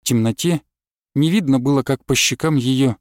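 A man narrating a novel as an audiobook, with a measured, expressive delivery. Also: medium pitch, no echo, clean studio sound.

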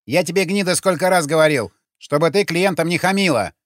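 Мужчина изображает визгливого злобного карлика-сутенёра. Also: male voice, fairly high pitch, big pitch swings, moderate pace, dry recording, clean studio sound, pitched above the performer's own voice. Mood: scolding. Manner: screeching, abusive. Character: shrill spiteful male dwarf pimp.

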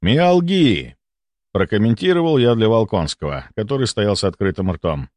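A man narrating a first-person audiobook in a calm, measured, clinical manner. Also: on the low side, no room sound.

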